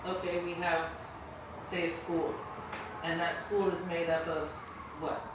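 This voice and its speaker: A woman's voice: lowish voice, little pitch movement, unhurried, distant mic. A woman in her forties presenting to a group in a room, coaxing them to answer her questions. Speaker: teacher leading a group discussion. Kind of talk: classroom presentation. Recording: echoey room from afar, loud background noise.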